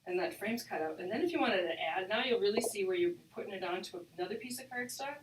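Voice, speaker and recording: A woman's voice: mid-range voice, expressive, fast talker, slight background noise, poor audio. A middle-aged woman chatting enthusiastically and ramblingly as she hosts a casual live craft tutorial, with a hollow, cave-like off-mic sound. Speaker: crafting host and demonstrator.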